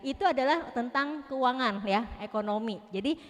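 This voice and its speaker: A woman's voice: on the high side, moderate pace. A middle-aged woman giving a chatty, playful talk to a church youth group, talking straight to the audience. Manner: chatty, playful, laughs often, talks to the audience. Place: church hall. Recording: reverberant hall.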